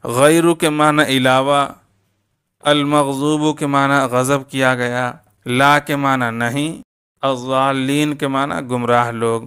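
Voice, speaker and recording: Man slowly teaching word meanings, crisp. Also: medium pitch, little pitch movement, a bit bright. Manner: slow, deliberate, repeats each meaning. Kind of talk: step-by-step lesson.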